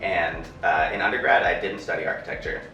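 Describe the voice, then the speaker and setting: A man's voice: sits low, a little fast, vocal fry, muffled recording, slight background noise. A young man from Canada, an architecture student, answering casually with many hesitations. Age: young adult. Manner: relaxed, hesitant, many fillers. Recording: echoey room, distant mic.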